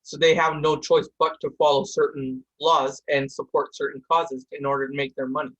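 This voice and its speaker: A young man from India, hosting a podcast in a room at home, speaks in a fairly high, level, fairly bright voice. He is heated and fast, restarting many times in what is a casual discussion. The audio sounds dull.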